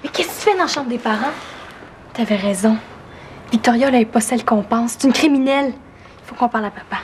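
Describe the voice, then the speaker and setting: A woman playing an urgent Québécois young woman with a higher voice. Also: fairly quick, a little mellow, lightly acted. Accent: Québécois French. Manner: urgent, conspiratorial. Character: suspicious young woman who plays detective. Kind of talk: TV series acting. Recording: clear background hiss.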